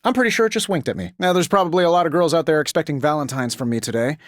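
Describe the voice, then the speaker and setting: A man's voice: fairly high pitch, animated, very fast, no room sound, clean studio sound, lightly acted. A man playing a wisecracking, cocky genius inventor superhero in a video game, talking in a glib, sarcastic, conversational way. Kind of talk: video game character voice lines.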